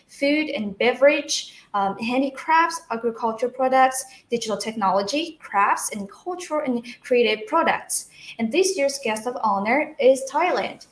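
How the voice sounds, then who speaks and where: A woman hosting a livestream interview, upbeat and prompting her guests with quick questions. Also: a little high. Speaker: livestream host. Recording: roomy echo.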